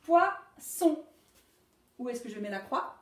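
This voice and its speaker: A woman teaches young children their sounds, drawing each word out slowly in a high, lively voice. She breaks off now and then to correct herself with a quick apology. The recording sounds roomy, with her voice set back from the mic. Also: far from the mic. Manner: slow, drawn-out word modelling with animated pitch; self-correcting, apologetic asides. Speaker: primary school teacher. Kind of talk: remote phonics lesson for young children. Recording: echoey room, voice off-mic.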